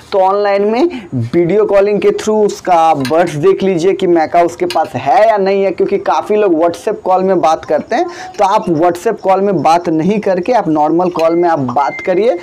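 A young man in his twenties talks through a casual vlog in a small indoor room, his voice sitting fairly high. He chats on and on, calling his viewers friend again and again. A faint hum of room noise sits behind him. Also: a little mellow. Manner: chatty, repeatedly addresses viewers as friend. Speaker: bird farm owner.

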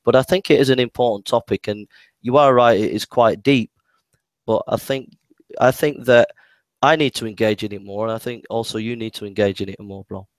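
A man's voice: medium pitch, fairly even intonation, fairly quick, dry recording. Hesitant man in a dry debate. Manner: hesitant, many restarts and repeated words. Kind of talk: casual debate.

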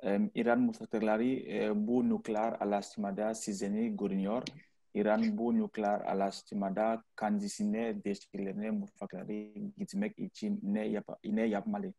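Male non-native participant with a foreign accent, creaky, hesitant speech, close dry sound on an online call. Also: on the low side, dark tone, dry recording. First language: not Turkish. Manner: halting, non-fluent. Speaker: seminar participant.

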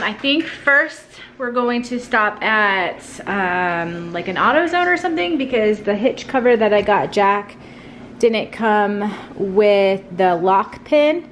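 A woman's voice: a little high, fairly bright tone, a little hiss or hum. A woman in her thirties chatting casually to the camera for a family vlog, rambling with fillers while running errands. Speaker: family vlogger.

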